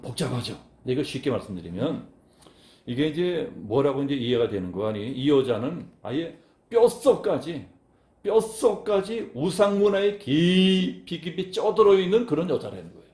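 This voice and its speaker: Animated male pastor in echoey church. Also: a little high, moderate pace. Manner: animated, acts out quoted lines with raised voice; conversational, talks directly to the congregation. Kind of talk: sermon.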